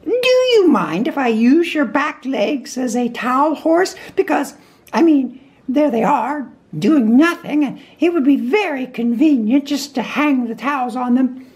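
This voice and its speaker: Woman voicing high, fussy storybook Rabbit. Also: lively intonation, a little slow, darkish tone. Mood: brisk, fussy. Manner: clipped politeness, stern and officious. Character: prim, fussy, polite male rabbit, bossy busybody. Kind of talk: children's storybook character voice.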